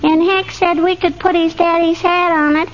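A woman's voice: extremely high pitch, flat delivery, normal speed. A woman playing an innocent, eager little girl in old-time radio comedy. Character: chirpy, innocent little girl next door. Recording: dull, faintly noisy radio recording.

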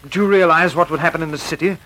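An actor playing a nervous, evasive doctor who runs an asylum, flustered and defensive in vintage radio drama style. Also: male voice, on the high side, steady tone, very fast, pushed and bright, poor audio. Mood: defensive, alarmed.

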